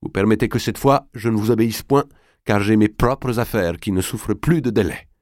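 A man's voice: lowish voice, a little fast, a little mellow, no echo, clean studio sound, voice pushed up, close to an everyday voice. A man reading an audiobook and voicing a tired, stubborn young man who refuses in an earnest, pleading way. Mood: weary.

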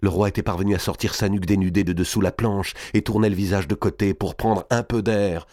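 A man reading a historical novel aloud in a dramatic, measured narration. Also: deep voice, fairly even intonation, darkish tone, no echo, studio quality.

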